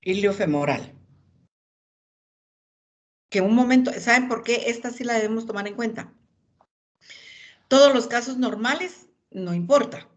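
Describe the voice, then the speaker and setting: A woman's voice: on the high side, animated, a little slow, long pauses. A woman lecturing anatomy, pointing out images and calling on students by name.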